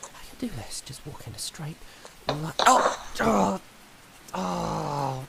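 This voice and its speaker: A woman's voice: sits low, expressive, takes it slowly, creaky, very noisy, heavily acted. Groaning young Mozart, acted by a woman, swinging wildly. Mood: pained, struggling. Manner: muttering, groaning, whispered complaints and exclamations. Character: young Mozart, a lost, freezing, grumbling, aching man. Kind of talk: audio drama acting.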